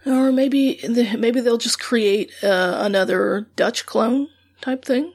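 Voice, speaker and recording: Woman, podcast co-host, casual discussion, gravelly fry, dry close recording. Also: fairly high pitch, takes it slowly, a little mellow, no room sound.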